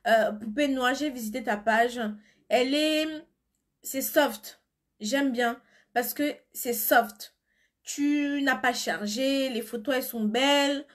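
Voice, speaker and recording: On a casual phone live stream, a beauty seller battling a cold and flu responds to comments in a high-pitched voice at a slow pace, growing blunt whenever she insists.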